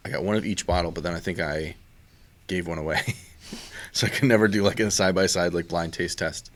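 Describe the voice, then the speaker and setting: A man's voice: low-pitched, fairly quick. A man co-hosting a podcast, talking casually and rambling a bit with lots of fillers. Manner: relaxed, rambling with many fillers. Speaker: podcast co-host. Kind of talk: casual chat.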